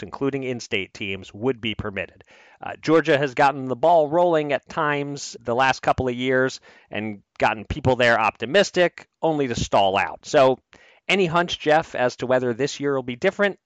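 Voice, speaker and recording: A man's voice: medium pitch, a bit bright, dry recording. A man co-hosting a podcast, running through news items in a casual, conversational way and laughing easily. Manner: conversational, laughs easily, filler-heavy asides. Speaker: podcast co-host.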